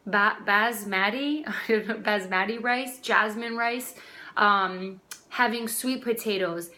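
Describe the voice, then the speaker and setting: With a mid-range voice that sounds pushed and bright, a woman in her twenties who works as a health coach vlogs unhurriedly from her dining room. She's chatty and direct, addressing her viewers as "guys."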